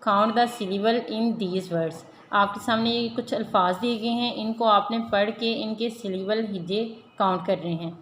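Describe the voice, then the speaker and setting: A woman teacher talks young children through a recorded lesson, pausing on each word very slowly. Her voice carries a roomy echo, with a faint hum underneath. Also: medium pitch, fairly bright tone. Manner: slow, deliberate word-by-word reading for children. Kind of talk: recorded online class lesson. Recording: echoey room, faint background hum.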